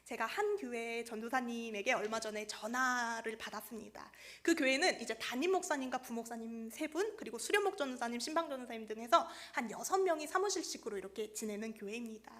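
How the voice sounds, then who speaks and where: A woman's voice: on the high side, animated, fairly quick, few pauses, fairly bright tone. A woman evangelist preaching a Sunday sermon in a church, telling a story and acting out the quoted people.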